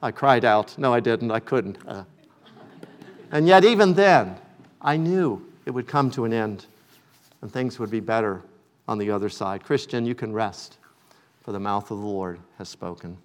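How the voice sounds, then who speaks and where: A man preaching a sermon as pastor, with slow, deliberate and emphatic phrasing that drops low and quiet at the close of each point. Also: lively intonation.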